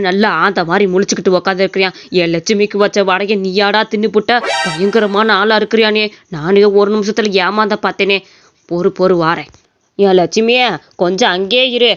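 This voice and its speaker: A woman's voice: mid-range voice, steady tone, brisk, close to an everyday voice. A woman voicing a grumpy, scolding old village man in a cartoon. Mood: suspicious. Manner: scolding, threatening. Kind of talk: cartoon voice acting. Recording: dull audio with clear noise.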